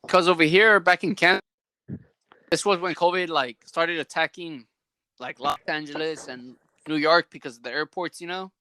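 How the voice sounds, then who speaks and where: Bright-voiced young man hosting a casual chat. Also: on the high side, normal speed, smooth, no room sound. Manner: rambling, animated, many "like" fillers. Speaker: podcast host.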